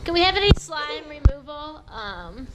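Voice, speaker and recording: Mom vlogger, very high voice, playful and excitable with laughing outbursts; home recording with heavy background noise. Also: female voice, moderate pace. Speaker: mother filming her kids. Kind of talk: playful vlog narration. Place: house, indoors.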